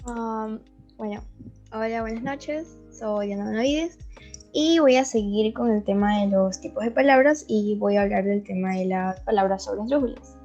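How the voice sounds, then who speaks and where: A woman's voice: mid-range voice, normal speed, dark tone. A young woman giving a class presentation, explaining step by step. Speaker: student presenter. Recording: dull lo-fi sound with faint music.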